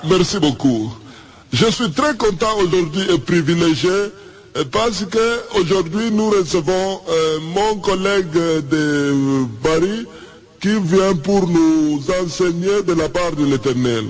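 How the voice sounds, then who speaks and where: An actor playing a fervent local pastor who welcomes a guest preacher with repeated alleluias. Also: male voice, high-pitched, expressive, slow, exaggerated voice.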